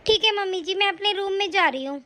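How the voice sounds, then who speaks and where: Very high whiny elder bahu from a cartoon story, always complaining, woman voicing her. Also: quick pace, bright, forceful tone. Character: lazy, quarrelsome elder daughter-in-law, young woman. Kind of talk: cartoon voice acting.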